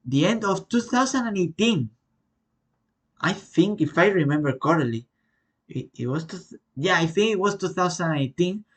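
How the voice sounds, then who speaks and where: A man from Spain with a Spanish accent, answering viewer questions in a casual, halting way with many fillers and self-corrections. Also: sits high, fairly bright tone. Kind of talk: casual Q&A vlog.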